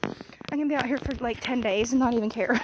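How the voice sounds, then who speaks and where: A woman's voice: a little high, a little fast, background noise. A young woman vlogging as she walks through the woods, out of breath and rambling to her viewers. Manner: rambling, talks to viewers while walking. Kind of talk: walking vlog in the woods. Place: outdoors in woods.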